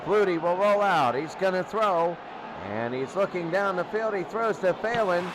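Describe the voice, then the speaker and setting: Here a man's high voice, lively in intonation and moderate in pace, gives clipped play-by-play of a football match for live radio. Behind him the stadium crowd roars, making for a loud, noisy broadcast.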